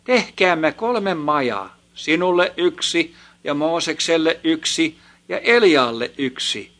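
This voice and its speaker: A man's voice: a little high, lively intonation, pushed and bright. A man reading the part of an eager, dazed male disciple who speaks earnestly.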